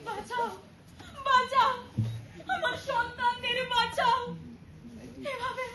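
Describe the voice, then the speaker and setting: A woman playing a grieving female nature goddess, wailing and pleading slowly on a stage. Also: extremely high pitch. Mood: pleading, sobbing. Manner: wailing, pleading, slow and drawn out. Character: weeping female nature goddess, mother of all life. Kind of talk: stage drama acting. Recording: echoey hall from far off, background noise.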